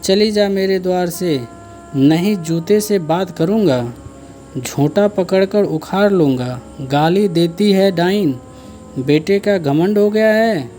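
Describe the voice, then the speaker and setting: A man's voice: sits high, slow pace, soft background music. A man voicing a brash, hot-headed young village man who roars threats, in an audiobook. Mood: furious. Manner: shouting threats.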